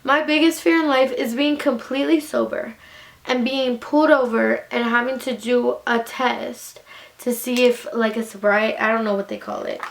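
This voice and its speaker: Giggly tipsy young woman, high creaky voice. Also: steady tone, normal speed. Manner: blunt, sweary, slangy. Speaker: beauty vlogger. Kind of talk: casual, rambling chat to camera.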